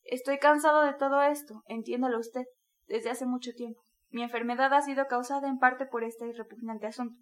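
A woman's voice: high-pitched, fairly even intonation, a little fast, close to an everyday voice. A woman reading the curt, angry lines of a proud young man who refuses to be questioned. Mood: irritated. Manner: curt, sharp, rising anger.

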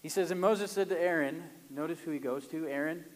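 A pastor giving an animated sermon, reading scripture dramatically with frequent chuckles. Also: male voice, on the high side, a little fast. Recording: long reverb, large hall.

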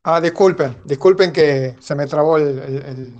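A man's voice: fairly high pitch, darkish tone. Hesitant Argentine man calling in. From Tucumán, Argentina. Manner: hesitant, halting with restarts, reflective. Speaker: caller. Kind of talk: casual call-in comment. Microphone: phone.

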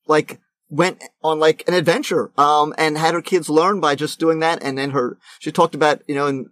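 A man's voice: a little high, fairly even intonation, a bit bright, dry recording. Chatty joking man, dry sound. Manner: joking, chatty, quick to interject. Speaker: podcast co-host. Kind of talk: casual podcast chat.

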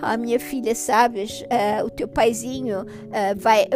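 A woman voicing a tender old grandmother, gently coaxing and reassuring. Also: fairly high pitch, steady tone, takes it slowly, over music. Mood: soothing.

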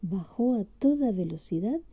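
A woman reads a picture book to a child, pausing to quiz them patiently. Her voice is very dark and mellow at an ordinary pitch. The recording is slightly dull and lo-fi. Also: animated. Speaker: storyteller reading to a child. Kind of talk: picture book read aloud.

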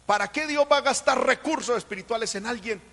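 A man preaching a sermon in with great fervor, swelling to shouts and then dropping low, often calling out "hermano" and "aleluya". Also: a little fast, vocal fry, big-room sound.

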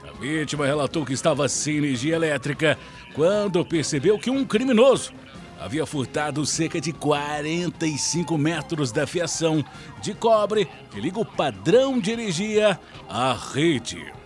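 High, animated Brazilian male news reporter. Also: normal speed, soft background music. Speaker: radio police-news reporter. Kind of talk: scripted news bulletin.

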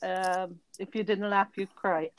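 A woman's voice: medium pitch, steady tone, unhurried, no room sound. A woman, asking questions in a casual, conversational interview.

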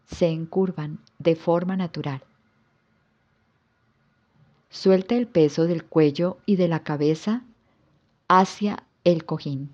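A woman yoga instructor guiding a yoga nidra relaxation with soft, calm instructions. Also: lowish voice, slow pace, pauses often, highs cut off.

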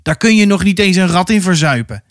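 A man reading aloud, voicing a strong, hot-tempered mason who shouts in indignant anger. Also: sits high, expressive, fairly quick, dry recording, studio quality, voice pushed up. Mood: furious. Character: burly angry male mason, hot-tempered.

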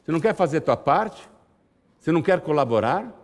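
A man's voice: fairly high pitch, very animated, a little fast. A man preaching a sermon, firing rhetorical questions at the congregation. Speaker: pastor. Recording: long hall reverb.

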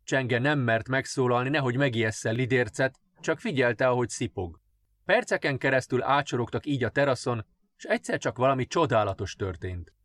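A man narrating children's fairy tales in a gentle, expressive reading. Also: medium pitch, no echo. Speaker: audiobook narrator. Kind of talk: storybook narration.

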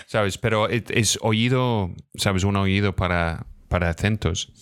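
Very low-voiced man answering viewer comments. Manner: halting, frequent "sabes?" fillers, slightly non-native phrasing. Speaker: co-host and voice actor. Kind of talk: live-stream chat answering viewer comments.

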